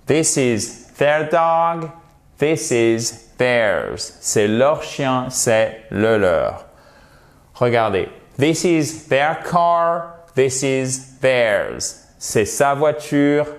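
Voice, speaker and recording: A man teaching a language lesson, spelling out and repeating example phrases and checking in often with short questions. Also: medium pitch. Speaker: English teacher.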